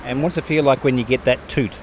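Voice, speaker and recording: A man's voice: mid-range voice, quick pace, noisy background. A male interviewer outdoors, asking brief, friendly questions to keep his guest talking. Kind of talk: casual interview. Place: outdoors on a street corner.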